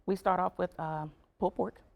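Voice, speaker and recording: A woman speaking as a restaurant manager in a casual cooking interview, haltingly and repeating herself. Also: fairly low pitch, fairly even intonation, vocal fry, highs cut off.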